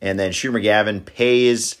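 A man with a fairly low voice talks through favorite film scenes in a relaxed podcast chat. He agrees easily and retells the action step by step in an easygoing way. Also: a little slow, clear, resonant tone. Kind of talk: casual chat about movies.

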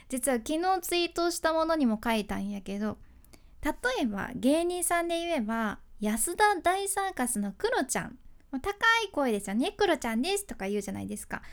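Woman, Kyushu dialect, casual solo host, chatty, fairly high-pitched. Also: expressive, normal speed. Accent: Kyushu dialect (Hakata-ben). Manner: chatty, laughs often, mixes polite and dialect speech. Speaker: freelance announcer, podcast host. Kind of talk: casual solo talk on speaking tips.

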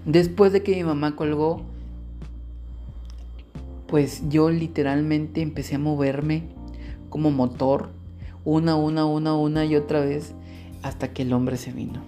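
A man's voice: fairly high pitch, steady tone, measured pace, long pauses, dark tone, soft background music. A man co-hosting a podcast, reading a listener's story aloud in a frank, chatty and playful way. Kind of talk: casual chat and reading aloud.

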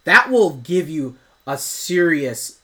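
Animated man talking movies. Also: fairly high pitch, takes it slowly. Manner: animated, acts out scenes with loud shouted impressions. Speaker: podcast co-host. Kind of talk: casual film review chat.

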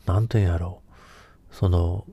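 Gravelly low-voiced man musing on a podcast. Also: steady tone, moderate pace, warm tone, dry recording, lo-fi sound. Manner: meandering, self-correcting talk with many hesitations. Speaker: podcast host. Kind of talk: casual solo podcast commentary.

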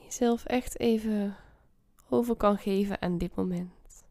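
A woman guiding a meditation softly and soothingly, half whispering close to the ear, slowly and with long pauses. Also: mid-range voice, fairly even intonation, no echo. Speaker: meditation podcast host. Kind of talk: guided meditation.

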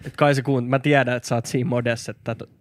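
A man's voice: little pitch movement, no echo. A man co-hosting a casual podcast chat, boisterous and swearing freely, speaking into a close studio mic. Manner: boisterous, swears, bursts into high whoops. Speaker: podcast co-host.

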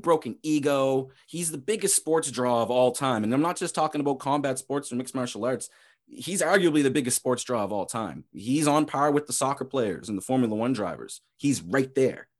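A male podcast host chatting casually about fighting sports. He is laid-back and loose, and he swears often as he rambles through his points. His voice sits at an ordinary middle pitch. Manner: relaxed, rambling, swears freely.

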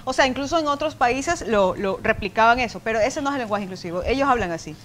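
A woman's voice: a little high, lively intonation, fast talker, fairly bright tone, a little hiss or hum. A woman co-hosting a casual group chat, explaining at length with examples and frequent restarts.

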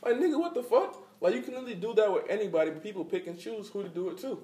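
A man's voice: high-pitched, lively intonation, quick pace, warm tone. A man on a casual podcast, ranting emphatically with lots of slang and profanity. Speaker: podcast co-host. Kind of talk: casual chat. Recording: echoey room, mic at a distance.

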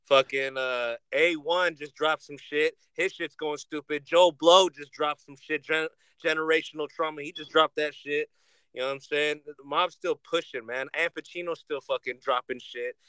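A man hosting a podcast in casual, slangy stoner talk full of swearing, audibly high on cannabis. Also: steady tone, moderate pace, bright, forceful tone, smooth, no echo. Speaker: podcast host. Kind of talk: casual chat, slangy storytelling.

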